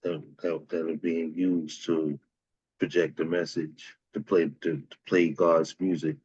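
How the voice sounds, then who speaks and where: A man's voice: sits low, little pitch movement, measured pace, husky, dry recording. A man hosting an open mic poetry show, hyping the poets and bringing up the next reader in a casual, encouraging way, on dull lo-fi audio. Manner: warm, encouraging, hypes the poets.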